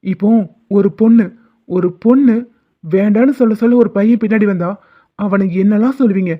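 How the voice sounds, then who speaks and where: Cartoon role: man playing a proud, angry young villager, high voice, dull lo-fi audio. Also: brisk. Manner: harsh, scolding. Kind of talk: cartoon dubbing.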